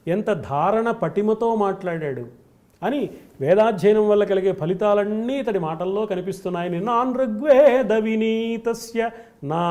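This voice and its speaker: Give me a man giving a devotional discourse, high-pitched and gravelly, building points in rhythmic lists. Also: darkish tone. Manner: emphatic, rhythmic lists of qualities. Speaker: spiritual scholar guest.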